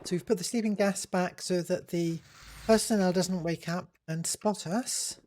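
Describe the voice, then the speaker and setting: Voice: mid-range voice, fairly even intonation, unhurried, darkish tone, slight background noise. A game streamer giving casual live commentary, thinking aloud while playing.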